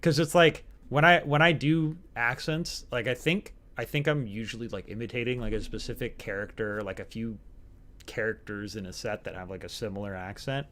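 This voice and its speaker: A man's voice: medium pitch, moderate pace, a bit bright. A man giving casual, rambling commentary while playing a video game, with many filler words.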